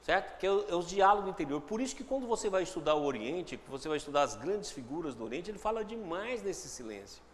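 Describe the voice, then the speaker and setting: A man's voice: high-pitched, big pitch swings, quick pace, hardly any pauses, long reverb tail. A man giving a reflective spiritual talk with a Brazilian Portuguese accent, acting out inner dialogues in shifting voices. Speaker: spiritual teacher.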